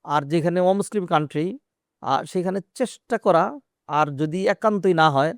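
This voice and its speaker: A man, an Islamic scholar answering questions in a measured, explaining way with hesitant fillers. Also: fairly high pitch, clear, resonant tone, dry recording, clean studio sound. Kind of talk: religious Q&A interview.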